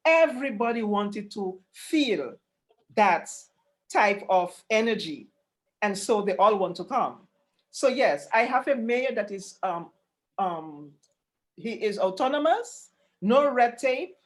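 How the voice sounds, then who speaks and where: Higher-pitched woman speaking on a panel. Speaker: panelist presenting a rural tourism programme. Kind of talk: conversational presentation in an online panel. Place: online video call.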